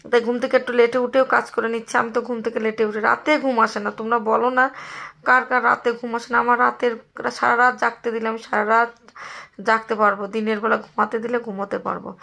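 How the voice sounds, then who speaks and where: Hoarse middle-aged woman, rambling chat. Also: on the high side, flat delivery, fast talker, sharp tone. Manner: rambling, chatty, complaining. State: hoarse from a cold. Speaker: vlogger. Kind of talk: casual chat to viewers while doing chores.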